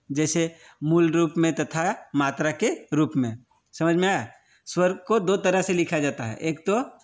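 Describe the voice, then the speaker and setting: A man teaching a grammar lesson to young children, patient and repetitive, often asking whether it is clear. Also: on the high side. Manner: slow and patient, often repeating words and asking if it is understood.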